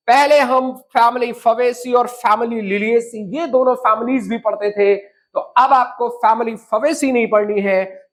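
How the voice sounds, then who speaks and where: A biology teacher walks students through syllabus changes at an unhurried, deliberate pace, in a voice of middling pitch. English terms slip into the talk, and points get hammered home by listing items and repeating them. Rhetorical questions are thrown straight at the class. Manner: mixes English terms into Hindi; addresses students directly with quiz questions. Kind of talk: exam-prep syllabus lesson.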